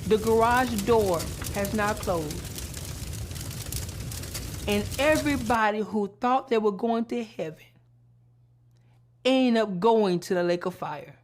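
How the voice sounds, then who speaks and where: A woman preacher giving an emotional, tearful testimony of a vision, pleading and crying out, swinging from hushed words to shouts. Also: medium pitch, takes it slowly, pauses often, slight background noise. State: in tears. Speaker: ministry preacher.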